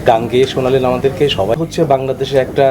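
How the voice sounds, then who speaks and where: A man's voice: mid-range voice, little pitch movement, very fast. A Bangladeshi man giving a spoken interview comment as a community member. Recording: crowd noise behind.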